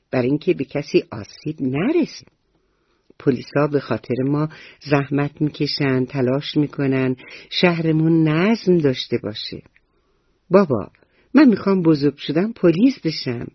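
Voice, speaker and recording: A woman's voice: deep voice, breathy edge, no room sound, dull audio. A woman storyteller voicing an eager, proud little schoolboy who politely lectures his father about traffic rules, in a bedtime radio story.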